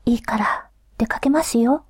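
An earnest young grandson from a folk tale, devoted and pleading, whispered by a woman reading the story. His whisper sits a little high and airy, close to the mic in a dry space. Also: normal speed, husky, no room sound.

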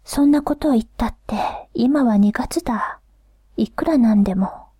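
An earnest young grandson from a folk tale, devoted and pleading, whispered by a woman reading the story. His whisper sits a little high and airy, close to the mic in a dry space. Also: measured pace, dark tone, slightly rough, no room sound. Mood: doubtful.

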